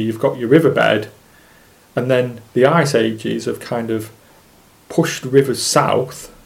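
A specimen angler from Lancashire, England, appears as a podcast guest, explaining things off the cuff in a musing, loosely structured way. His medium-pitched voice is gravelly with a darkish tone.

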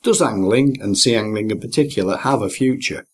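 A man presenting and interviewing in a measured, articulate way, with carefully worded, scripted-sounding phrasing. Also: lowish voice, slightly rough.

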